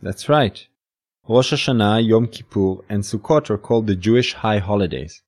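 A man with a fairly low voice co-hosts a scripted educational podcast. He explains traditions patiently and slips in light humor. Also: moderate pace, darkish tone. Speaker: podcast co-host.

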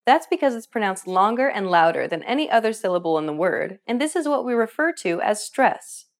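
A woman narrating a scripted language lesson in a clear, explanatory way. Her voice sits at a middle pitch, like a patient teacher reading from a script. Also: sing-song, brisk. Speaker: language course host.

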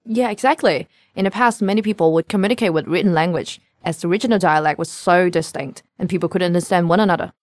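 A woman's voice: fairly low pitch, fast, few pauses, darkish tone, dry recording, studio quality. A woman from Cantonese-speaking southern China co-hosting a language lesson in cheerful, playful scripted banter. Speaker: co-host and language teacher.

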